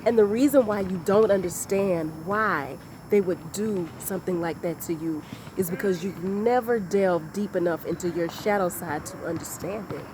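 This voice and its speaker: A woman giving a motivational talk in a deliberate, repetitive, emphatic way. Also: on the low side, background noise. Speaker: motivational speaker.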